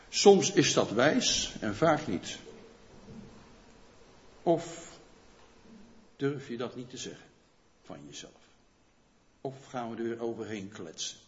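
A man preaching a sermon in a conversational way, often asking the congregation questions and checking in with a quick "yes?". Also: mid-range voice. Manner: rhetorical questions to the listeners. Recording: long church reverb, dull lo-fi sound.

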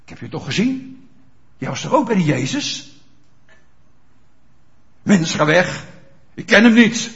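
A man preaching, briefly voicing a frightened man who loudly denies knowing his friend, in a dull lo-fi recording. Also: a little high, big pitch swings, moderate pace, creaky. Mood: defensive. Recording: dull lo-fi sound.

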